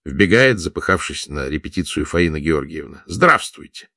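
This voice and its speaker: A man with a very low voice narrates scripted anecdotes at a measured pace. His telling is wry and even. The recording is dry and close, with no room sound. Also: no room sound.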